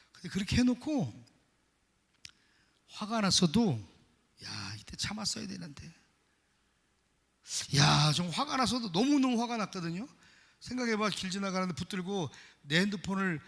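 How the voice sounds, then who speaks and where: Middle-aged korean pastor guy preaching, high bright gravelly voice, loud one sec then quiet and confessing, big church echo. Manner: emphatic, swinging from loud exhortation to quiet confession. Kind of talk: sermon. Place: church sanctuary. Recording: long church hall reverb.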